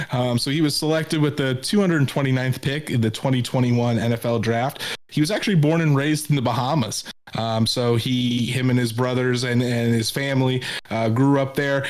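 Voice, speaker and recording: A man co-hosting a sports podcast who writes about sports, talking through a player profile in a chatty way with lots of ums and repeated words. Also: mid-range voice. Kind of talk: casual sports podcast talk.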